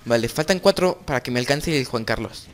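A young man giving excited gameplay commentary as host of his gaming channel, repeating phrases over and over. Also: mid-range voice, brisk, slight background noise.

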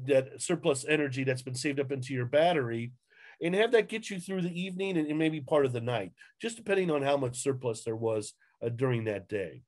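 Man giving a webinar, fairly high voice, halting, lots of ums, webcam mic. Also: a little mellow. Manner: halting, many fillers and restarts. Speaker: webinar presenter. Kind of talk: webinar slide presentation. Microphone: webcam on video call.

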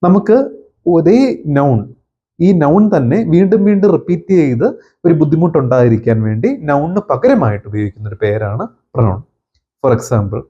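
A man's voice: mid-range voice, warm tone, breathy edge, muffled recording. A man with a Malayali accent teaching English grammar, patiently repeating points and checking that listeners follow. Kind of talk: explanatory lesson.

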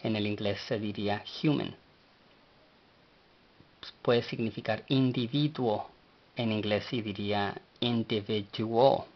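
A man teaching a language lesson, speaking slowly and spelling words out letter by letter. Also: lowish voice, steady tone, muffled recording.

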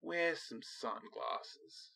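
A man playing a salty, brash old sea captain in a comedic audio drama, gruff and blunt, with an Australian accent. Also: medium pitch, expressive, very slow, pushed and bright, heavily acted. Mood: wry warning.

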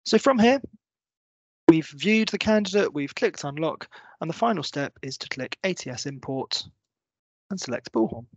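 A company presenter, a man in his thirties with a slightly high voice, walks viewers through software on a screen share, explaining each step clearly and in order. His intonation is lively and his speed normal. The recording is close, dry and a little dull, like a computer mic in a small room.

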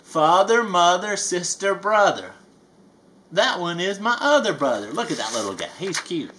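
A performer reads a children's picture book in the voice of a playful, folksy bayou alligator, using a Southern US accent and stretching words out for emphasis. The pitch sits in the middle but swings widely, and the tone is a little bright. There's a slight bit of background noise.

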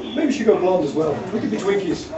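Middle-aged man, wry and lively in pitch, roomy distant camcorder sound. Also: fast, muffled recording, heavy background noise. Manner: wry, self-mocking. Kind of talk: casual chat. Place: busy hair salon indoors. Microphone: camcorder mic from a distance. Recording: roomy camcorder audio with salon crowd.

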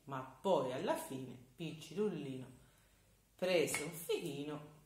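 Tuscan woman storyteller, middle-aged, slow and expressive, echoey room. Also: deep voice. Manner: warm, expressive and unhurried. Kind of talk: children's storytelling.

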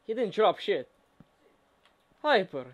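Young man, gamer, teasing, joking, somewhat high voice, casual co-op chat. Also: sing-song, takes it slowly.

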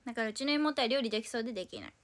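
Rapid-fire and lively in intonation, a twenty-something idol from Tokyo, Japan, hosts a solo livestream, playfully answering viewer comments. Her voice is a little high and a bit bright.

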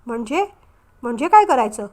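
A woman's voice: on the high side, very animated, moderate pace, darkish tone. A woman voicing a hurt, despairing young bride who speaks bitterly through tears. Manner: bitter, tearful.

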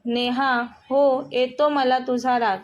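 A woman's voice: sits high, little pitch movement, muffled recording. A woman voicing a young sister-in-law who scolds firmly but with care. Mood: scolding. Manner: scolding, brisk and firm.

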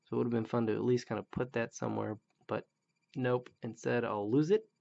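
A toy reviewer in his thirties gives a casual, blunt, grumbling critique of an action figure. His mid-range voice is steady, fairly quick, creaky and a little mellow. The recording is dull and lo-fi, with a little hiss or hum.

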